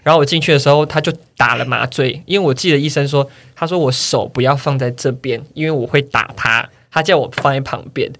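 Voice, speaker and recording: A man's voice: mid-range voice, fairly quick, few pauses. A man, co-hosting a casual chat and telling stories animatedly. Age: 30s. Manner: animated storytelling, acts out quoted people. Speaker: podcast co-host.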